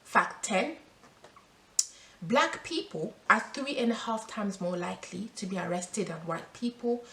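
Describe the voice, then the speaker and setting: A woman's voice: medium pitch, lively intonation, measured pace, pushed and bright. A woman from France talking earnestly to camera as a vlogger, reading statistics and then speaking freely. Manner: earnest and emphatic, with restarts when speaking freely. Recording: roomy sound with faint background noise.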